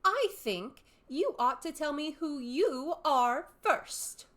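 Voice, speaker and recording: A young storybook girl, played by a woman, speaks in a high, lifted voice. She is courteous and earnest, hesitant but ready to stand up for herself. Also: expressive, slow, a bit bright, exaggerated voice. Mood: indignant. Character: polite, earnest young girl Alice, timid yet indignant.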